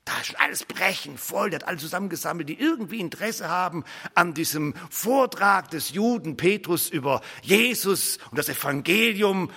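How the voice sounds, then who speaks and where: A male preacher telling a story as a sermon in a lively way, acting out characters and speaking straight to his listeners. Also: high voice, normal speed, slightly rough, big-room sound. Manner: animated, acts out characters, addresses listeners directly.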